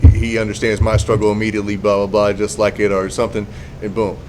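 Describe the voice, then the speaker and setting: A man's voice: completely flat delivery, fast, a little mellow, a little hiss or hum. Give me a rambling male podcast host. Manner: rambling, trails off and restarts, drops low to mumble. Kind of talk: casual podcast chat.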